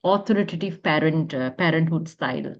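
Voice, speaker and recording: A Malaysian woman with a fairly low voice speaks in a measured, reflective way as a podcast guest. Her voice comes through a dull, lo-fi remote call. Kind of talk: telling her life story in an interview.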